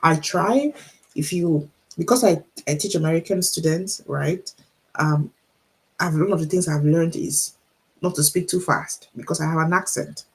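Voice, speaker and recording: Recorded in low quality, a middle-aged motivational speaker and author with a Nigerian accent and a low voice encourages her livestream audience. She goes deliberately, repeats key points, and asks questions she doesn't expect answered.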